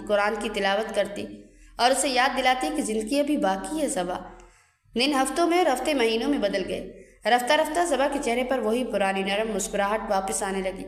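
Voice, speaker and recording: A woman narrating a dramatic story in an earnest, emotional way. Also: a little high. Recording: echoey room with long reverb.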